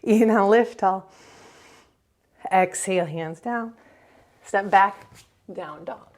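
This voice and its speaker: A woman's voice: medium pitch, slow, darkish tone. Woman leading a yoga flow, easygoing, talks you through each breath. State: slightly out of breath at times. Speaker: yoga teacher. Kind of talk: guided yoga class instruction.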